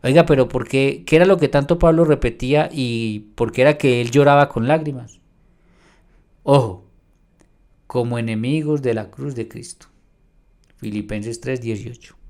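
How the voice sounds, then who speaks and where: A man's voice: mid-range voice, normal speed, pauses often, darkish tone. Emphatic man teaching scripture. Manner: emphatic, reads verses aloud and argues; addresses a rival pastor directly. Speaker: Bible teacher. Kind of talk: video response on scripture.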